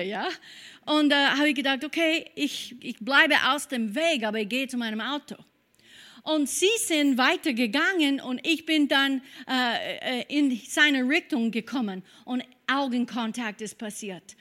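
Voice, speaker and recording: High, bright-voiced woman preacher. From Kentucky, USA. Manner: lively storytelling, prays in tongues. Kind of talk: sermon with a personal story.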